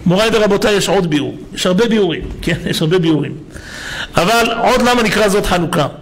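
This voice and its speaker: A man, a rabbi, giving a sermon with lively storytelling and many rhetorical questions to his listeners. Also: high-pitched, rough recording. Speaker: rabbi giving a Torah lesson.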